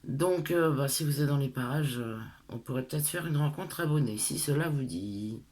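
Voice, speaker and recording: A woman's voice: rumbling low, normal speed, darkish tone. A middle-aged woman from France with a lisp on her s sounds, chatting casually to her followers in a hesitant, rambling, self-deprecating way. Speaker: craft tutorial vlogger.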